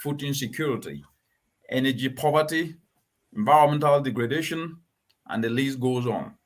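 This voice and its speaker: A man's voice: medium pitch, moderate pace. A man hosting a talk show, introducing solutions and interviewing a guest in an earnest, emphatic way. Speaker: host.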